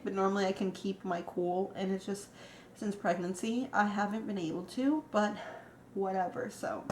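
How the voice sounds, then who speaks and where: A woman's voice: on the high side, a little mellow, slight background noise. A woman vlogging casually, rambling and emotional with lots of fillers. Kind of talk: casual vlog. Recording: echoey room.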